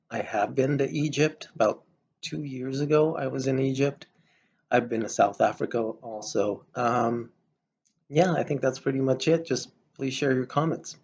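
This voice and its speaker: A middle-aged man from El Salvador, giving a measured, hesitant self-introduction for a class, with frequent ums. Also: mid-range voice, a little mellow, muffled recording. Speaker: college student.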